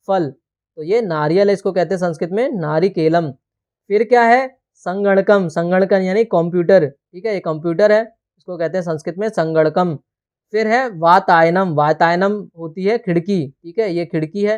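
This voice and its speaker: This textbook lesson comes from a man with a high-sitting, slightly mellow voice and a clean tone. Going slowly, he explains each term word by word and frequently checks in by asking "theek hai."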